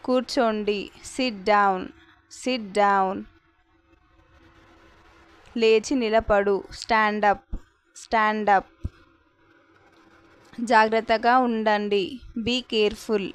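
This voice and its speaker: A woman with a Telugu accent teaching spoken English, saying each short phrase twice, slowly and distinctly. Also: medium pitch, clear, resonant tone. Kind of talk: slow repeat-after-me phrase drill.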